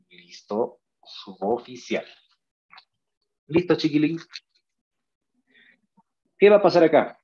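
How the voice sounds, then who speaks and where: Slow, patient man teaching grammar. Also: medium pitch, dull audio. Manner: coaxing, repeats key points, calls students nene. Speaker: pre-university teacher. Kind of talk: online grammar lesson.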